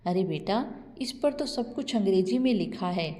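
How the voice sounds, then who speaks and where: Woman reading a meek old mother for a storybook, warm tone, long reverb. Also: mid-range voice, lively intonation, moderate pace, lightly acted. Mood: gentle. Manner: meek, pleading. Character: elderly widowed mother, gentle and trusting.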